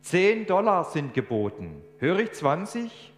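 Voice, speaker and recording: A man's voice: high voice, sing-song, measured pace, faint music behind, voice pushed up. A man voicing a stubborn male auctioneer who calls out bids emphatically. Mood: insistent. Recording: echoey hall, faint hum.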